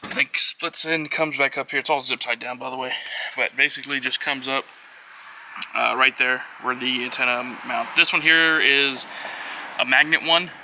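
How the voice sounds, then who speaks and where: This vlogger's voice is medium in pitch, bright and a bit pushed, holding a steady tone at a moderate pace. He gives an unscripted how-to walkthrough, casual and hesitant, with trailing phrases, recorded on location amid noise.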